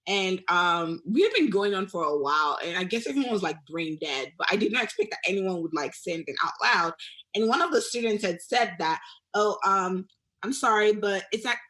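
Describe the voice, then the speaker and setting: A woman's voice: lowish voice, animated, a little fast, sharp tone. Hesitant young woman from Nigeria. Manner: hesitant, many fillers and restarts, laughs often. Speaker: guest artist. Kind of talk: casual interview chat.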